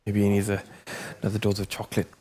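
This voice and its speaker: A man's voice: fairly low pitch, monotone, racing, a little hiss or hum. A man giving casual, hesitant snooker commentary with many fillers, also chatting about running events. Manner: hesitant, filler-heavy, soft-spoken. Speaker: guest commentator.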